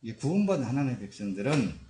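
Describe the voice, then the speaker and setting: A man's voice: medium pitch, big pitch swings, fast, warm tone, a little hiss or hum. A man preaching a sermon as pastor, emphatic and dramatic, acting out quoted voices. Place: church sanctuary. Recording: echoey church hall.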